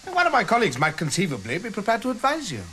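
An actor playing a middle-aged, defensive legal adviser with formal, prickly phrasing in a television drama. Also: male voice, high voice, huge pitch swings, racing, bright, forceful tone, a little hiss or hum, full character voice. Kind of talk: naturalistic television drama acting. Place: small office indoors.

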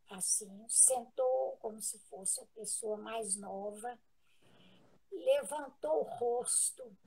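A woman with a Brazilian Portuguese accent tells a personal story as a guest in a live interview, speaking earnestly but haltingly and restarting often. Her voice sits on the high side, gravelly and husky with a warm tone. The audio quality is poor.

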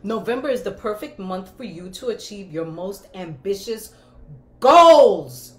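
Woman in her fifties, livestream host, playful, emphatic, animated chat, mid-pitched voice. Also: normal speed, a little hiss or hum. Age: 50s.

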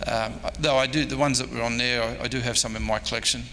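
A sixty-something Australian man, a historian, rambles through an informal convention lecture and audience questions in a hesitant, self-deprecating way. His mid-range voice is quick and sharp with fairly even intonation. Sound bounces around the indoor meeting room, and there's background noise.

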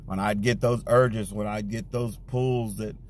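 A man's voice: fairly low pitch, steady tone, measured pace, a little hiss or hum. A man preaching, telling his own testimony in a conversational, storytelling way, growing fervent at times. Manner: conversational storytelling, many restarts and "you know"; grows loud and fervent when recounting prayer. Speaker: pastor. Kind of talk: sermon testimony.

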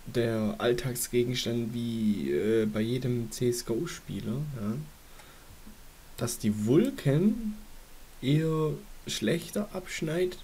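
A young man hosts casually in a medium-pitched, relaxed and mellow voice. He chats informally and thinks aloud while commenting on his screen. A light hiss sits on the homemade recording. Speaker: gaming YouTuber hosting a giveaway draw. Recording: hissy home microphone recording. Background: faint hiss.

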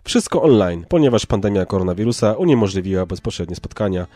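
A man reading scripted local news in a measured, formal way. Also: on the low side, animated, warm tone, no room sound. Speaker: news narrator. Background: background music.

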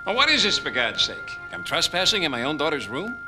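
A man's voice: a little high, huge pitch swings, fast talker, music in the background. A scornful domineering father. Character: domineering rich middle-aged father, scornful. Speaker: overbearing father.

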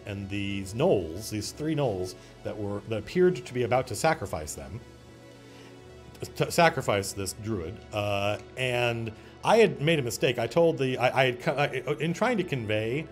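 A man hosting a casual stream about running tabletop games, talking in an animated, digressive way with frequent restarts. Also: medium pitch. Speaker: host and game master. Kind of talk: casual livestream talk on game mastering.

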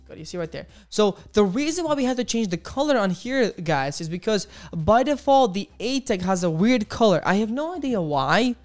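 A young Ukrainian coding instructor livestreams from a small home studio, using an arm-mounted studio mic and headphones as soft music plays. Very animated, he talks at a moderate pace with few pauses, upbeat and exclamatory, chatting with viewers while typing and repeatedly saying boom and beautiful.

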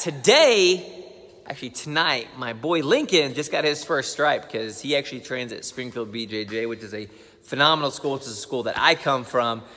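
A man's voice: medium pitch, pushed and bright. A young man in his twenties casually vlogging as a gym owner, chatty and upbeat with loose fillers, filming on a phone at arm's length. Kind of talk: casual vlog walkthrough. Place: car, then large empty gym room. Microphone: phone held at arm's length. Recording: long reverb in empty hall.

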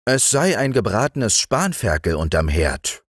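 A man's voice: fairly low pitch, sing-song, unhurried, no echo, clean studio sound. A man voicing a sly, cunning wandering stranger in a knowing tone.

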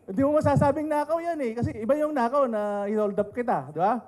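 A man's voice: very high-pitched, expressive, brisk, a little mellow. A middle-aged man with a Filipino accent giving a panel talk, explaining rules with rhetorical questions and joking asides. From Philippines. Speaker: tax lawyer speaking on a panel. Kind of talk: lecture to an audience, mixing Tagalog and English.

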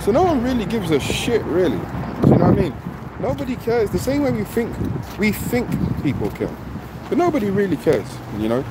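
A middle-aged man records a casual selfie vlog on a street beside a shop, stressing his points through repetition and frequently saying "you know what I mean." He talks fairly quickly with few pauses, his high voice swinging widely in pitch, while street and car noise is loud in the background.

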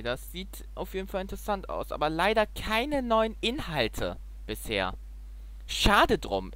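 A man doing casual reaction commentary as a streamer, with an animated, exclamatory way of talking. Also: fairly high pitch. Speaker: streamer making reaction videos.

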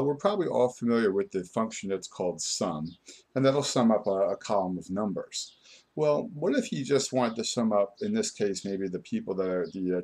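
A man with a low-pitched voice teaches software on screen. He talks through each step in an informal, unscripted way. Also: slightly rough. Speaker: software tutorial instructor. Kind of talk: step-by-step screen tutorial narration.

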